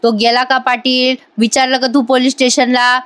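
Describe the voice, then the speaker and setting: Brief: woman reading a barking, bossy male boss, high-pitched, serial recap. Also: level tone, moderate pace, a bit bright. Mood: angry. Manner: barking, bullying. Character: angry domineering middle-aged male boss.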